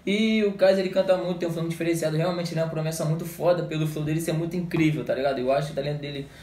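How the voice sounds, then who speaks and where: A man's voice: fairly high pitch, steady tone, dark tone, slight background noise. A young man with a Brazilian accent giving a slangy, hyped reaction to a rap video from his gaming chair, talking through a headset. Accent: Brazilian Portuguese. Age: young adult. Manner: slangy, hyped, rapid street talk. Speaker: music reaction youtuber. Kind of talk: casual reaction commentary. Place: small indoor room, gaming chair. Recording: echoey small room.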